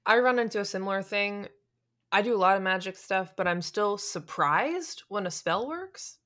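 A woman's voice: medium pitch, animated, moderate pace, a bit bright. A woman hosting a casual podcast conversation, talking thoughtfully and searching for her words. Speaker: podcast host.

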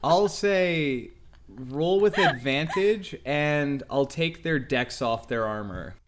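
A man's voice: on the high side, animated, slow, noisy background. A man running a tabletop game as game master, narrating scenes vividly and chuckling now and then.

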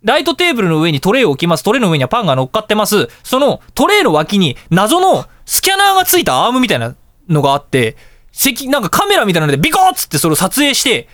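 A man hosts a casual radio talk show, animatedly telling anecdotes and acting out dialogue and reactions. His voice is high-pitched and fast, with studio-quality sound and no echo.

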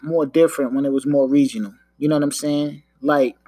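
Faint music sits behind this dry, echo-free recording of a thirtysomething Long Island podcast host with a New York accent, talking solo from a downstairs room at home. His voice is fairly high, steady, brisk, and dark in tone, and he rambles in a laid-back way, loaded with filler and "you know what I'm saying."

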